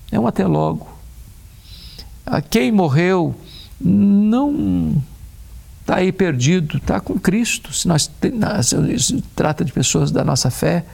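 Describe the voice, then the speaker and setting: Preacher guy, really gravelly voice, slows down on the big words. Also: high voice, darkish tone. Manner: measured, slows down to stress key words. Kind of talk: conversation on faith and grief.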